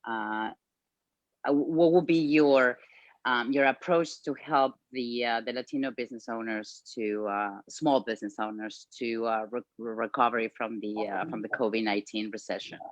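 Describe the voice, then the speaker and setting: A woman's voice: a bass voice, steady tone, normal speed, dry recording. A woman calling in by phone while driving, asking a hesitant question over a car speakerphone line with many fillers and restarts. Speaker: caller asking a candidate a question. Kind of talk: halting call-in question. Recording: muffled dry phone line.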